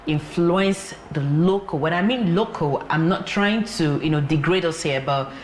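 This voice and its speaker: A woman's voice: deep voice, normal speed. A woman hosting a TV interview, chatty, finishing her guests' sentences. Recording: echoey room with faint noise.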